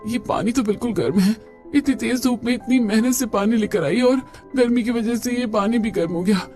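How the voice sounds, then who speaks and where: A man's voice: very high voice, fairly quick, darkish tone, faint music behind, voice pushed up. Man voicing a weary young village wife.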